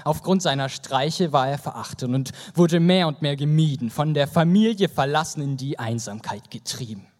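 A man's voice: a little high, normal speed, hardly any pauses, a little mellow. A young man performing a rhymed spoken-word story at a youth poetry slam. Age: young adult. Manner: dramatic, rhythmic, storytelling. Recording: stage hall reverb.

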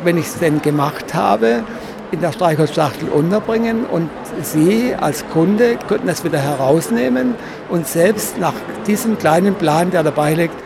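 Deliberate man explaining, noisy surroundings. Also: high-pitched. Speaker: exhibitor and designer of paper models. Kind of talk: interview, explaining his work. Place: stand at a busy book fair. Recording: clear background noise of a busy fair.

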